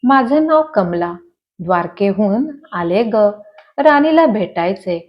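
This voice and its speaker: A woman's voice: medium pitch, lively intonation, slow pace. A woman voicing a poor, proud old woman who scolds bitterly, on a dull lo-fi recording. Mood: weary.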